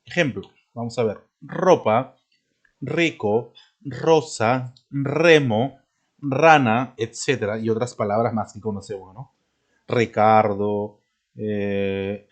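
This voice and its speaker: A man teaching a spelling lesson, who clears his throat often, drills example words one by one and keeps checking in with the student. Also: mid-range voice. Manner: checks in constantly with "¿de acuerdo?" and "¿no?"; stresses and drills each example word slowly.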